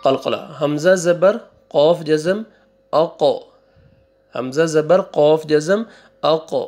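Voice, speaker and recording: A man teaching Quran reading, spelling out syllables slowly one by one, repeating them and correcting wrong readings. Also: on the high side, darkish tone, soft background music. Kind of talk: slow spelling-out recitation lesson.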